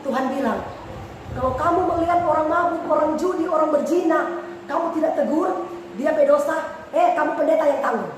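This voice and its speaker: A woman pastor preaching a sermon with passion, swinging from soft pleading to shouted warnings. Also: high voice, normal speed. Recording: echoey hall, mic far off, noisy.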